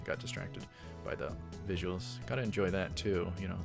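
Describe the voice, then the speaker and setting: A low-pitched man with vocal fry does casual let's play commentary over music, reading a visual novel aloud at a moderate pace. He rambles a bit and corrects himself in asides.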